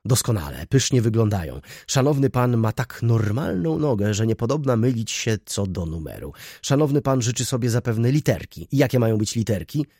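A man voicing a young, dandyish male shop clerk who talks in quick, fawning sales patter. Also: mid-range voice, lively intonation, dark tone, husky, no room sound, studio quality. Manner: rapid, ingratiating patter.

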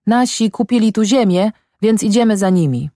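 A woman voicing a tired but energetic young German colonist woman in a storybook, answering briskly and proudly. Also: mid-range voice, no room sound, clean studio sound, pitched above the performer's own voice, close to an everyday voice. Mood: earnest.

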